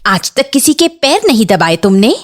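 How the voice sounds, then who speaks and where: A woman's voice: on the high side, big pitch swings, normal speed. A woman voicing a bossy, demanding older aunt in a Hindi cartoon, complaining and scolding.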